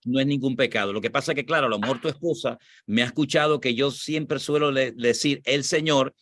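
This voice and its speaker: A man's voice: medium pitch, brisk, a bit bright, dry recording, studio quality. A man from Spain with a Spanish accent, a pastor explaining scripture and answering questions in a teaching tone, repeating his points for emphasis.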